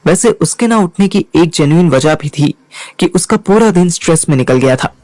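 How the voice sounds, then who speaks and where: A man's voice: fairly high pitch, lively intonation, normal speed, darkish tone, dry recording. A young man narrating a first-person story in a wry, conversational way.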